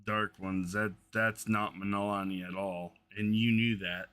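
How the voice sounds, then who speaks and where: A man playing his character in a tabletop game, deliberate and searching for his words. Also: lowish voice, level tone, a bit bright. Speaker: player. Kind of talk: in-character tabletop role-play.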